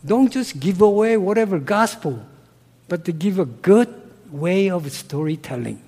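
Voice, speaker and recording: This Korean-accented missionary sounds high and slightly rough, with the acoustics of a big room around him. Answering an interviewer through personal anecdotes, he speaks broken English slowly and earnestly, getting loud whenever he becomes animated.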